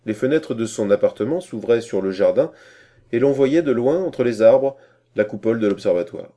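Un homme qui lit un roman à voix haute, narration posée et expressive. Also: male voice, mid-range voice. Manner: measured, expressive reading. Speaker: audiobook narrator. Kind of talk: scripted narration.

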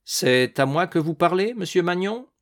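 A man voicing a young male farmhand who talks slowly and turns bitter and indignant. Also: high-pitched, lively intonation, voice pushed up. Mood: defiant. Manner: slow, then bitter and indignant. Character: young male farmhand, slow-spoken and defiant.

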